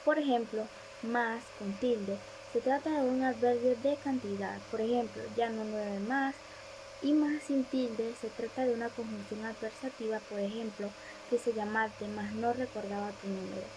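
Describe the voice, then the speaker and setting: A woman's voice: a little high, steady tone, moderate pace, noisy background. A woman student reading a class presentation aloud, stressing each example word she gives.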